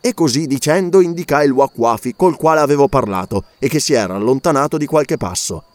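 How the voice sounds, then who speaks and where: A man narrating an adventure audiobook with a dramatic, expressive reading. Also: mid-range voice, a little fast, no room sound. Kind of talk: scripted narration.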